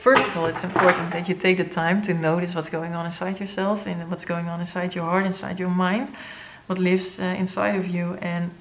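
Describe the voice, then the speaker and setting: A woman with a Dutch first language giving an earnest, halting tarot reading to viewers, with many fillers and moments where she grows emotional. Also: lowish voice, little pitch movement, slight background noise. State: emotional, near tears. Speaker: tarot reader.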